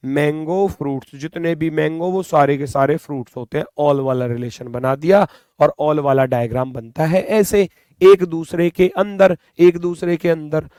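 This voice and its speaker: A man with a Hindi accent teaches a reasoning class for exam aspirants, talking straight to his students. His voice sits a little high, and he repeats each point in a coaxing, chatty way. The sound is close and dry, with no room around it. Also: steady tone, normal speed, mellow, smooth, no room sound. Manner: repetitive, coaxing, addresses students as bhai and beta. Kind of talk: exam-prep class lecture.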